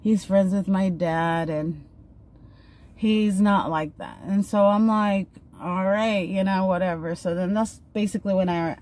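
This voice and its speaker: This thirty-something woman vlogs from a parked car, filmed on a phone camera at arm's length, recounting something personal as she applies makeup. Her mid-range voice is unhurried and a little mellow. The talk is chatty, earnest and full of filler.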